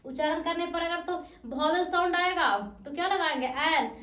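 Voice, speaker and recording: A woman's voice: very high-pitched, normal speed, fairly bright tone. A woman tutor giving a classroom grammar lesson, quizzing her students with repeated questions. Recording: echoey room.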